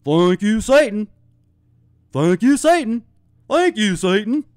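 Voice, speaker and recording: A man's campaign chant played backwards as an archive clip, so his reversed speech comes out as a loud, rhythmic chant. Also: high voice, very animated, takes it slowly, no echo, clean studio sound. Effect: speech audio played backwards. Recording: played back from a distance.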